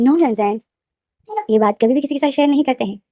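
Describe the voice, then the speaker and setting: A woman voicing a calm, amused older brother who soothes and teases. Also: very high-pitched, fast talker, dry recording, clean studio sound. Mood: soothing.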